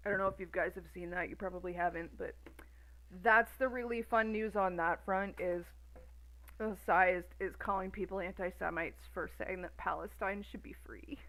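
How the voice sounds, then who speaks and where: A woman's voice: on the low side, fairly even intonation, normal speed, a bit bright, rough recording. A woman in her thirties ranting on a stream in a profane, sarcastic, exasperated way. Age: 30s. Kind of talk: casual ranting commentary.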